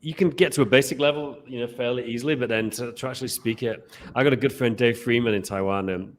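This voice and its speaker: A man with a mid-range voice hosts a casual podcast interview, talking fast and asking long, rambling questions full of restarts. There's a little hiss or hum on the recording.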